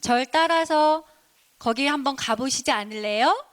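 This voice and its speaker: A woman's voice: high voice, a little slow, a bit bright. A woman voicing a polite, eager little fairy in a children's story, speaking in a coaxing way.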